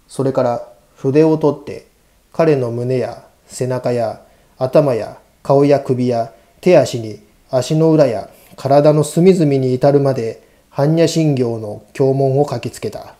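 Male narrator for horror audiobook: hushed, eerie, deliberate, mid-pitched with a very dark, soft-edged tone. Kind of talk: scripted ghost story narration.

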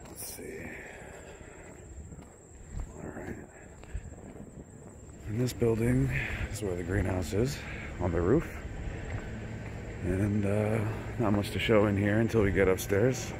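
A man casually narrating a handheld walkthrough of a campus building and its rooftop greenhouse, talking in a relaxed, offhand way as he walks. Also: on the low side, slow, long pauses, background noise. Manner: relaxed, offhand commentary while walking. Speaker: vlogger giving a walkthrough. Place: campus grounds outdoors and building interior with greenhouse. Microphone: handheld camera.

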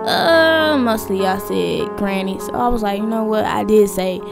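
A woman's voice: medium pitch, unhurried, gravelly. A young woman YouTuber chatting casually and nervously to her viewers while playing a horror game at home. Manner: chatty, slangy, nervous and jumpy. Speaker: gaming YouTuber. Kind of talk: casual let's-play chat to viewers. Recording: music playing behind the voice.

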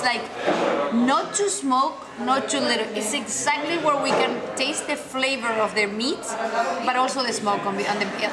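Woman talking with her mouth full. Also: a little high. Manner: enthusiastic, halting non-native phrasing. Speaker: food vlogger. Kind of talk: casual food tour vlog. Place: busy tapas bar. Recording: echoey room with loud crowd behind.

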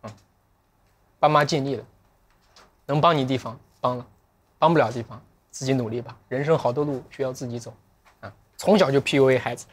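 A man hosting a livestream, chatting casually in a reflective, joking way, sometimes switching to slow, careful English. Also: mid-range voice, slightly rough. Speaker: livestream sales host.

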